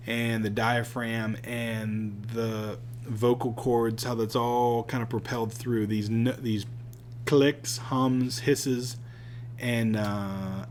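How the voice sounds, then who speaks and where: A man from Pittsburgh, speaking with that city's accent, gives a recorded lecture in a chatty, conversational style full of casual asides. His voice sits in the mid range, with a little hiss or hum on the recording.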